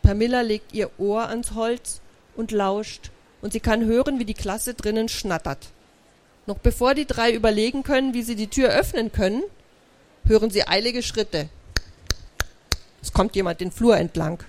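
A woman's voice: a little high, moderate pace, darkish tone. Woman reading a kids' book aloud. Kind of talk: live children's book reading.

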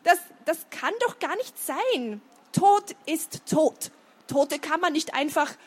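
Woman reader doing a high, loud, flustered grim reaper for a storybook reading. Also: animated, takes it slowly. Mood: indignant. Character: bumbling male grim reaper, bony and hasty.

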